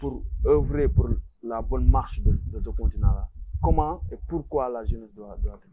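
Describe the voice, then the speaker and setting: A quiet, soft-spoken man hosting an interview and putting questions to his guest. The sound is narrow and phone-like, with a clear hiss and faint clicks behind his voice. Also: mid-range voice, moderate pace.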